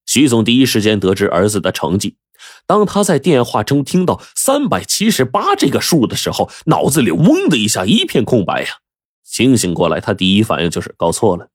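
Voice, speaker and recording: Brief: male storyteller, husky, very expressive pitch. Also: dry recording, studio quality. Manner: lively, with drawn-out sentence endings. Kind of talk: storytelling narration.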